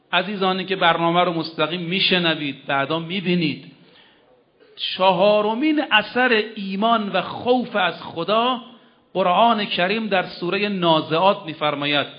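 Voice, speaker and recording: A man preaching a religious sermon to a gathering, emphatic, slowing down for quoted verses and swinging his voice up and down for effect. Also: high voice. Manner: emphatic, slows for quoted verses, rises and drops sharply. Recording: dull lo-fi recording.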